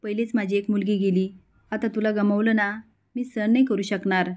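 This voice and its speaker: Woman voicing a gentle pleading father. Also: mid-range voice, fairly even intonation, moderate pace, close to an everyday voice.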